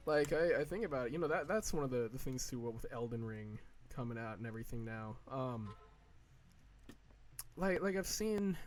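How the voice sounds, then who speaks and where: A gaming video creator in his early twenties talks in a medium-pitched, slightly mellow voice while playing a game. His casual chat rambles with plenty of fillers, restarts, and swearing. When he quotes things in asides, he drags them out into slow mock whining.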